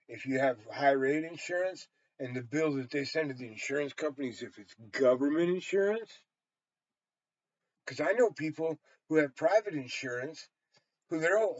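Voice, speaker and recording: Talking to a camera in a small room, this sixty-something American storyteller and vlogger delivers a rambling, profanity-laden monologue, blunt and emphatic. His pitch is fairly high, and the dull, lo-fi webcam recording carries no room sound.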